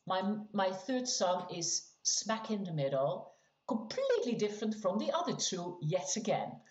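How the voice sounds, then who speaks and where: A middle-aged woman chats as a podcast guest, animated and quick to laugh. Her pitch swings widely as she tells a story. The recording is roomy and a little muffled. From Netherlands. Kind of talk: casual storytelling chat. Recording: roomy, slightly dull sound.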